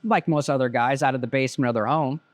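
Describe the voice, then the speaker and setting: A man's voice: medium pitch, quick pace, no echo. A man in his fifties, a business owner interviewed as a guest, telling his story in a plainspoken, reflective way. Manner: plainspoken, reflective, many "you know" fillers. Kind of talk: casual interview.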